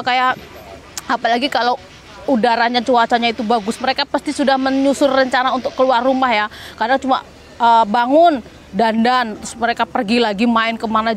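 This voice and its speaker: A woman from Indonesia chatting casually to camera, with lots of fillers and tag words. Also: on the high side. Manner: chatty, many fillers and "gitu ya". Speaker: vlogger. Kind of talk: casual chat. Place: Hong Kong.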